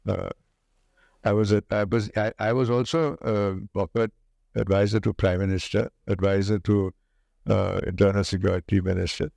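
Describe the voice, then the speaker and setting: An older man with an educated upper-class Indian accent, answering interview questions in a deliberate, emphatic way and repeating phrases for stress. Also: lowish voice, level tone, creaky, darkish tone, dry recording.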